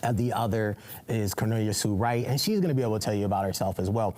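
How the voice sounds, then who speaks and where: A man opens a live-streamed talk show in a relaxed, conversational way. His voice is warm and mellow, and his delivery is emphatic. He keeps checking in with his audience with a quick "right?". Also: fairly low pitch, slight background noise.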